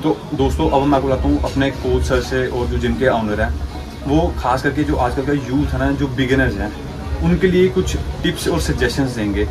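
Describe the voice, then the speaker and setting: A young man vlogging from a busy gym on a handheld phone, chatty and excitable, using casual slang. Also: mid-range voice, moderate pace. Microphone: handheld phone, selfie framing. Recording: loud background music.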